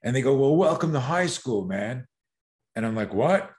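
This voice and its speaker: A man's voice: medium pitch, animated, moderate pace, a little mellow. A middle-aged man telling a story as a podcast guest, acting out voices and sounds and laughing often. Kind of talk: animated storytelling in a podcast interview.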